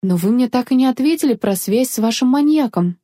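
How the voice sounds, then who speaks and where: A woman reading an audiobook voices an earnest, slightly nervous young woman artificer, raising her pitch a little. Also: animated, brisk, mellow, no room sound, studio quality. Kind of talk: audiobook character voice.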